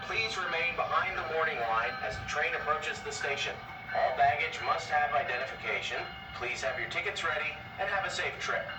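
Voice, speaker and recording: A man's voice comes over a station loudspeaker, echoing and set back from the mic. He delivers train announcements in a formal, steady way, a little higher pitched than most men. Music sounds clearly behind him. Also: brisk. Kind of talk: public address announcement. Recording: echoey distant loudspeaker with music.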